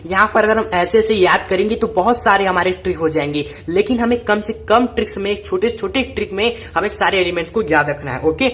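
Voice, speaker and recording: Teacher, woman, repetitive drill-style explainer, mid-pitched. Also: brisk, hardly any pauses. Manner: repetitive, call-and-response drilling. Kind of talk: chemistry mnemonic lesson.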